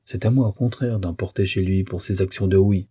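A man's voice: low voice, fairly even intonation, brisk, dark tone, husky, no room sound, studio quality. A man reading as a wavering young man talking to himself. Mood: musing. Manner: inner musing, wavering. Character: young man, hesitant and self-justifying.

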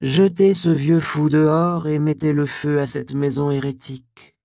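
A cold, commanding inquisitor bishop who speaks loud and pointed, pitched above the reader's own voice, as a male narrator puts him on. There is a gravelly grain to it in a dry, close recording. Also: fairly even intonation, unhurried, no echo.

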